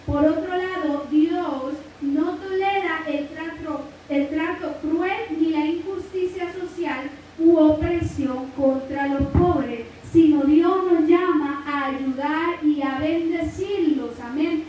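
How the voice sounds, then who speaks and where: A woman's voice: high voice, slow pace, darkish tone, highs cut off. A woman from Mexico with a Guerrero Mexican Spanish accent, preaching a church Bible lesson. She fills her teaching with frequent "amen" and praise phrases and calls her listeners brother. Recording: very echoey hall, mic at a distance, faint hiss.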